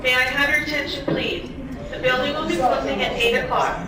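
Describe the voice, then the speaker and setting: A woman making a formal closing announcement over a building intercom, in slow, measured, repeated phrasing. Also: sits high, fairly even intonation. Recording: echoey distant loudspeaker with crowd.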